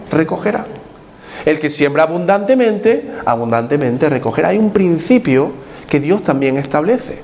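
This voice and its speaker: A man's voice: sits high, darkish tone, a little hiss or hum. A man preaching a sermon as pastor in a church, putting questions to the congregation and repeating his key points.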